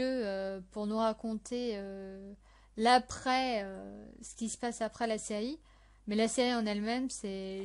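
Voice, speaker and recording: A woman's voice: on the high side, clean tone. A young woman hosting a casual podcast about the series she loves, hesitant and full of fillers and restarts. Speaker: podcast host.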